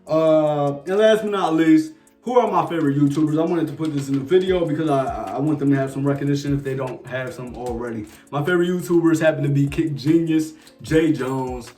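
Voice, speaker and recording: This casual Q&A vlog features a New Jersey sneaker YouTuber in his twenties, answering viewer questions in a Jersey accent with a laid-back, slangy style and many fillers. His voice is a little high and warm, and he talks fairly quickly with hardly any pauses. He's recorded from a distance, off-mic, in an echoey room with faint music.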